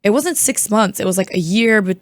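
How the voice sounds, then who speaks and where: A hoarse woman, chatting casually as a guest and filling her talk with "like". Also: medium pitch, expressive, brisk, no echo, clean studio sound. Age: 20s. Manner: chatty, many "like" fillers. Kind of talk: casual chat.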